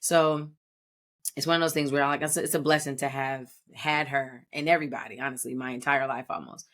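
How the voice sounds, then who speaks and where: A woman's voice: extremely low pitch, steady tone, fairly quick, fairly bright tone. Reflective woman in her thirties. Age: 30s. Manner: reflective, rambling with many restarts. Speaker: podcast co-host. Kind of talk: casual podcast chat.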